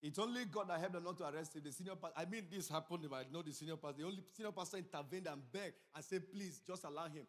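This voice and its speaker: A middle-aged man preaching a sermon as pastor, telling stories and swinging from low asides to loud emphasis. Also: racing, hardly any pauses. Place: church sanctuary. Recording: church hall reverb.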